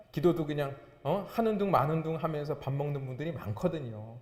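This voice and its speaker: A man's voice: on the high side, moderate pace, a little mellow. A man, a pastor, preaching a sermon with emphatic, rising and falling delivery. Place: church sanctuary. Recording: echoey church hall.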